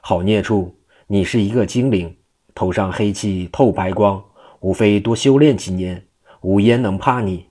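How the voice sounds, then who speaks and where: A man's voice: on the low side, a little slow, warm tone. A man reading the lines of an arrogant male Daoist sorcerer in a storybook tale, haughty and scolding. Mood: scornful.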